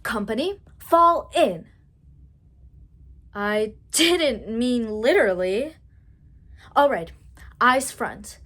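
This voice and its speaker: Lady doing a bossy little drill commander, barking orders, lively. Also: on the high side, exaggerated voice. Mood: commanding. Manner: brisk, commanding. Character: bossy animal commander leading a troop.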